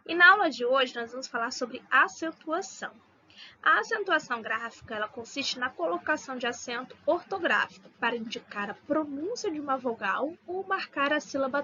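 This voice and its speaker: A Brazilian woman teacher giving a recorded online lesson, slowly drawing out syllables and repeating example words. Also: high voice, expressive, sharp tone, dull audio, a little hiss or hum. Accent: Brazilian Portuguese.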